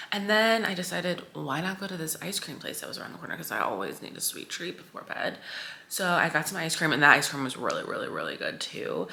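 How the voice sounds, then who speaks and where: Chatty woman with a low, gravelly voice. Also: pushed and bright. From United States. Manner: rambling, chatty, full of fillers and self-corrections. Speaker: travel vlogger. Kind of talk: casual vlog chat.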